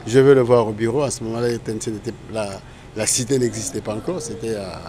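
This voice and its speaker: A man's voice: on the low side, steady tone, quick pace, mellow, a little hiss or hum. An older man from Congo, a guest in an interview, telling his story in a rambling way and often correcting himself. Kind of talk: casual interview recollection.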